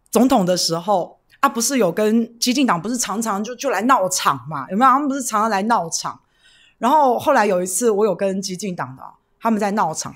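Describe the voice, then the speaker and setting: A woman from Taiwan hosting a casual political livestream, rambling with fillers and tag questions and greeting viewers by name. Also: mid-range voice. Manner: chatty, greets viewers by name, reads donations.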